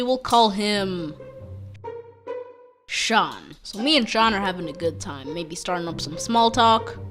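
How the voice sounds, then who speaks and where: A young woman narrating a funny storytime animation in a playful, joking way, full of slang. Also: medium pitch. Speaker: animator telling a childhood story. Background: background music.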